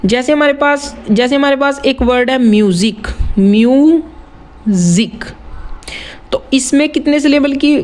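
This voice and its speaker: A man explaining rap writing in a casual tutorial, often repeating words slowly to split them into syllables and mixing English terms into his Hindi. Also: very high voice.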